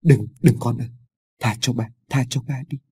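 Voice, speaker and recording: Male narrator as a terrified, guilt-ridden old father; stammering, husky, mellow. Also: medium pitch, fairly even intonation, moderate pace. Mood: frightened pleading. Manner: stammering, half-mad confession.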